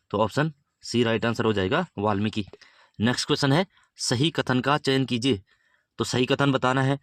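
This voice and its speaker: A man's voice: mid-range voice, a bit bright, dry recording. A man teaching a Hindi grammar lesson for exam prep, explaining step by step and often checking in with "है ना". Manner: explains step by step, keeps adding "है ना".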